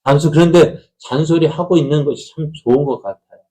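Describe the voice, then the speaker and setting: A man's voice: a little high, brisk, mellow, poor audio. A middle-aged man, a pastor, preaching a conversational Sunday sermon in a church, asking the congregation questions and acting out family quarrels. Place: church sanctuary.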